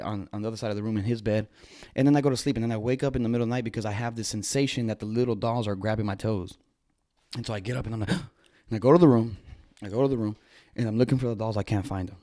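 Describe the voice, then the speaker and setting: A man in his thirties casually telling his viewers a story, animated, with gasps, restarts and trailing phrases. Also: on the low side. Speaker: vlogger.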